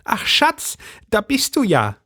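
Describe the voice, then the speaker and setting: Guy putting on a high nagging housewife voice, sure the neighbors are up to no good, swings up and down a lot. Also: huge pitch swings, slow pace, sharp tone, no echo, studio quality, exaggerated voice. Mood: indignant. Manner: indignant, nagging, conspiratorial. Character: shrill suspicious middle-aged housewife, bossy. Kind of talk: storybook reading.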